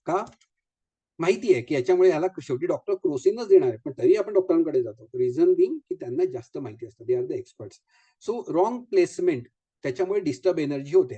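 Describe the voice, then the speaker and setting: A man talks to a live audience as a vastu consultant. He is chatty, slips English phrases in and keeps asking rhetorical questions. His voice sits a little high but sounds very dark and mellow, on a dull, lo-fi recording. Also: husky.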